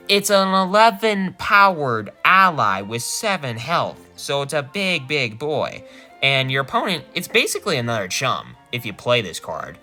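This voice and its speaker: A man reviewing cards casually, animated and quick to laugh, often correcting himself as he goes. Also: medium pitch. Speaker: card game reviewer.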